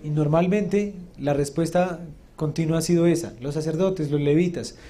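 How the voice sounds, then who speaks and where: A man's voice: on the high side, moderate pace, dark tone. A man giving a religious teaching in a conversational way, asking questions and answering them himself. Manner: conversational, asks and answers his own questions. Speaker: Torah teacher.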